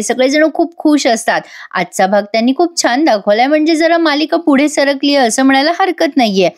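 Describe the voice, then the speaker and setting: A woman reviewer gives a chatty voice-over recap of a TV serial episode, speaking directly to her viewers. Her voice is mid-range, and the studio sound is clean with no room sound.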